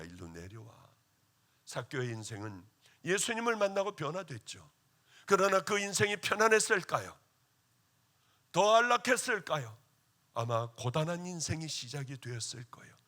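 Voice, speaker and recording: A man preaching a sermon at a revival meeting as pastor, telling a personal testimony with emotional swings between loud exclaiming and hushed tones. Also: high voice. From Korea.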